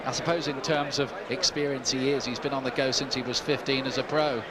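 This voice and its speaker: A man's voice: mid-range voice, fairly even intonation, brisk. A man giving live play-by-play boxing commentary from ringside. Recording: loud crowd and noise behind commentary.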